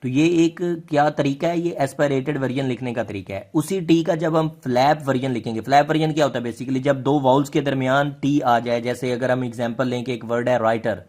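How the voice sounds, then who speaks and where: Male teacher with a Pakistani Urdu accent, mid-pitched, explanatory lesson with hesitant, questioning delivery. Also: steady tone, fairly quick, few pauses, darkish tone. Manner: rhetorical questions, many hesitations. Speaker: linguistics teacher.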